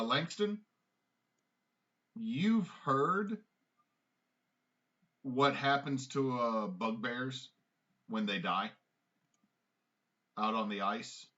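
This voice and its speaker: A man narrating as game master of a tabletop game, in a relaxed way with fillers. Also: medium pitch, extremely slow, pauses often. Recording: dull lo-fi mic.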